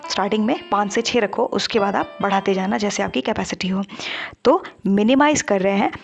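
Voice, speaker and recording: A woman narrating an animated study-tips explainer, talking to viewers in a chatty teaching manner. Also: medium pitch, a little fast, gravelly, husky, faint music behind. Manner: conversational teaching, addresses viewers directly.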